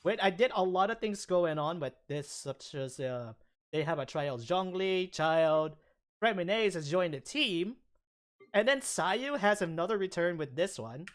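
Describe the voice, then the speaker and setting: A man streaming his game rolls in casual commentary, halting and rambling between excited bursts, with a morning voice. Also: high-pitched. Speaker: gaming streamer. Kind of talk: casual gacha-roll commentary.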